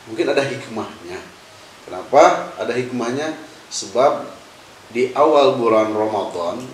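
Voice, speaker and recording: Brief: male preacher, lowish voice, halting delivery, recorded in a roomy space off-mic. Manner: halting, thinking aloud with fillers. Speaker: Islamic preacher. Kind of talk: casual religious discussion. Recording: echoey room, distant mic, faint hiss.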